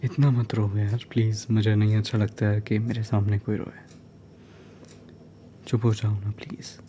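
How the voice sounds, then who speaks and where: A man doing a whispered role-play as a caring neighbour, soothing and gentle, mixing English phrases into his Hindi. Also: lowish voice, flat delivery, a little hiss or hum. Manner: soft, soothing, slow. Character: caring male neighbour comforting a crying woman. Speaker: ASMR role-play creator.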